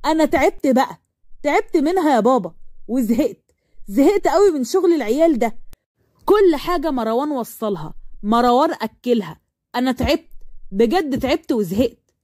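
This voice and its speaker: A woman's voice: on the high side, lively intonation, a little fast, mellow, no room sound, clean studio sound. A woman voicing a cold, irritable young man with an Egyptian accent, talking curtly. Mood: exasperated. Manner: cold, curt, exasperated.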